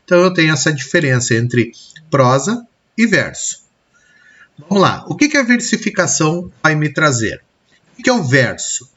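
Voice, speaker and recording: A man's voice: on the high side, sing-song, moderate pace, fairly bright tone, husky, dull audio. A man with a Brazilian Portuguese accent teaching a recorded lesson on poetry, explaining step by step and checking in often with his students.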